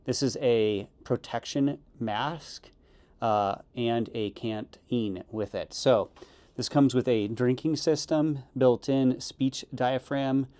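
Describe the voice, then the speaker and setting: A man giving a casual, halting unboxing review, correcting himself as he goes. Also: mid-range voice, mellow, smooth. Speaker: product reviewer. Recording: noisy, with crinkling packaging and clicks.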